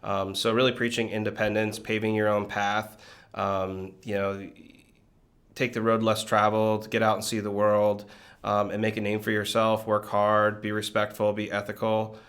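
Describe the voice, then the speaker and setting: A man in his thirties from Connecticut, a guest in an interview, talking in a relaxed, reflective way with many fillers. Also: on the low side, moderate pace. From Connecticut, USA. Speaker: guest, business leader. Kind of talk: conversational interview.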